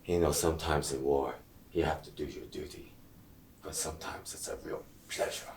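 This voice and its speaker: A man acting a sadistic, taunting British army colonel in a scene study, shouting some lines and murmuring others, heard from across the room. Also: steady tone, brisk, far from the mic, slight background noise. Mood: cold. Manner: shouted taunts, then low menacing murmur. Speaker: acting student. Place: acting class studio.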